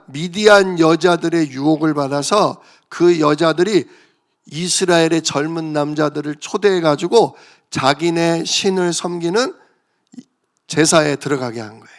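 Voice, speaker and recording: A male pastor giving a conversational sermon, often asking the congregation questions. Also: a little high. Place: church.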